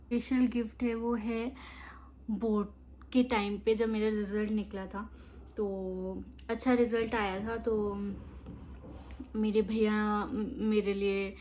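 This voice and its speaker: A woman's voice: medium pitch, flat delivery, takes it slowly, darkish tone, a little hiss or hum. A young woman chatting casually while doing her makeup, laughing as she tells childhood stories. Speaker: makeup vlogger.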